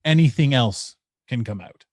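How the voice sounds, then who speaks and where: A man hosting a podcast, talking casually and telling an analogy story in an animated way. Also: medium pitch, normal speed, dry recording, studio quality. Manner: tells stories with analogies, animated retelling. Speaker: podcast host.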